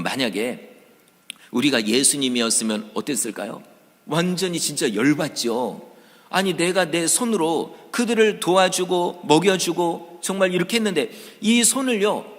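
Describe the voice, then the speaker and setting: A man preaching a Sunday sermon, talking straight to his congregation and acting out the voices of crowds in the story. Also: medium pitch. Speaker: pastor. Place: church sanctuary. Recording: church hall reverb.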